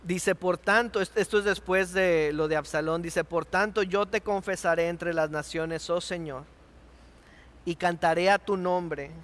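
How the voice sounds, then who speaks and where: High-voiced Mexican pastor preaching. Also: male voice, fairly even intonation, a little slow. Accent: Mexican Spanish. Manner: impassioned, rises to near shouting on quoted laments then drops to hushed. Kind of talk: sermon.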